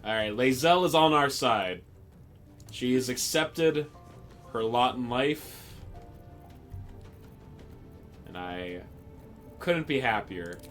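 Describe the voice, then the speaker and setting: Animated man streaming a game, slower paced. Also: mid-range voice, faint music behind. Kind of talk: casual live gameplay commentary.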